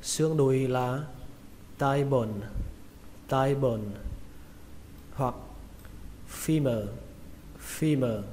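Male pronunciation teacher, slow and careful, repeats each word; long reverb on the voice. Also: medium pitch, darkish tone. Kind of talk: slow spoken vocabulary lesson. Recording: long reverb with faint noise.

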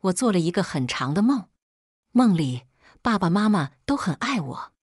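A woman's voice: on the low side, big pitch swings, moderate pace, darkish tone, slightly rough, dry recording. A woman reading a first-person story as scripted narration, telling it with strong emotion on a close microphone.

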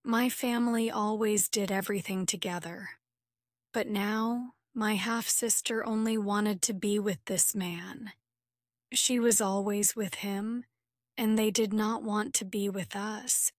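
Woman narrator, very slow pace, dry close recording, clear careful reading. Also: mid-range voice, fairly even intonation, dry recording. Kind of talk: graded-reader story narration.

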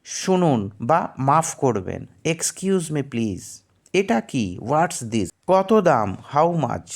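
A man reading everyday phrases for learners, each Bangla phrase followed by its English translation, which he says slowly. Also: a little high, sing-song, vocal fry. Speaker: English teacher.

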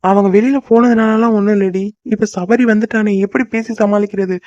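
Man as a fretful cartoon husband, quick mid-pitch patter, muffled lo-fi recording. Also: steady tone, darkish tone, no echo, natural voice. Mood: calm. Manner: fast, scolding then soothing. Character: young husband, fretful but soothing.

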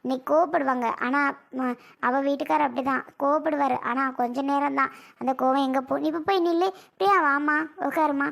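A woman's voice: high voice, a little fast, gravelly, a bit bright. A woman voicing an older cartoon mother who lectures, pleads and laments in a scolding way. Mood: lecturing. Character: older mother, lecturing and grieving over her son. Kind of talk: cartoon voice acting.

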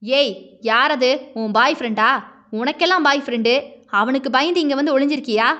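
Woman doing an impatient young guy, blunt and grumbly, highish voice. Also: brisk, highs cut off. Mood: scolding. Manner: blunt, grumbling, sharp-tongued. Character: impatient, scolding young man.

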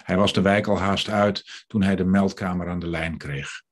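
A man reading aloud from his novel in a measured, steady way. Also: deep voice. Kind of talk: literary reading.

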